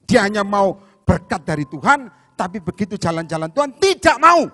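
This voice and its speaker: Animated high-voiced preacher man. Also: fairly quick, dry recording. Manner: animated, acts out voices of demons and Jesus, calls for amens. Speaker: evangelist preacher. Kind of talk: lively sermon. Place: church service.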